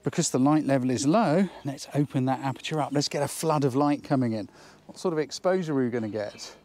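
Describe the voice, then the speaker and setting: A man's voice: mid-range voice, a little mellow. Chatty man teaching outdoors. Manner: chatty, enthusiastic, thinks aloud. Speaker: photography tutor. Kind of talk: instructional outdoor vlog. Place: outdoors on a countryside hillside.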